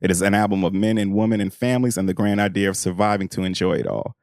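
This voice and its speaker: Speaking fast in a deep, darkish voice, a man co-hosts a podcast where he casually discusses a book and reads passages from it. His talk is informal, slangy, and laced with "you know," recorded dry with clean studio sound.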